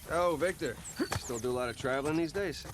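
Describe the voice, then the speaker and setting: A man's voice: a little high, quick pace, lightly acted. An actor playing a chatty, slightly nervous male adventurer with a conversational, wordy manner in a video game. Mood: friendly, chatty. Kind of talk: naturalistic video game voice acting. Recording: loud motor vehicle noise behind voice.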